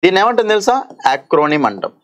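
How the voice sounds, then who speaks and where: A lively, high-voiced man teaches exam English, explaining in Telugu mixed with English terms and frequently asking "okay?". In this exam-prep lesson he reads the English question text slowly and deliberately.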